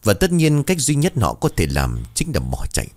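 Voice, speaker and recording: A man narrating a ghost story in a dramatic, expressive way. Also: medium pitch, normal speed.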